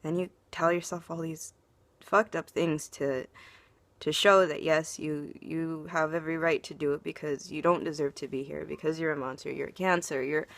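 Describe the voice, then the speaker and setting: A woman's voice: sits low, steady tone, normal speed, no room sound. A young woman vlogger speaking tearfully in an earnest, heartfelt confessional. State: tearful, crying. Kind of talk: confessional personal vlog.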